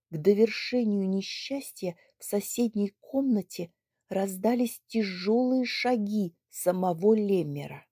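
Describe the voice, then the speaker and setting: A woman reading a story aloud in first person, with steady, measured storytelling. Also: mid-range voice, husky, dry recording, studio quality. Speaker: audiobook reader. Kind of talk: scripted first-person narration.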